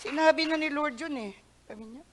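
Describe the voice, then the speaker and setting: A woman pastor giving a Sunday sermon, mixing Tagalog with English, swinging from loud emphatic peaks to soft near-whispers and stretching words out for emphasis. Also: sits high, a little fast, crowd noise, noisy background. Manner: mixes Tagalog with English phrases.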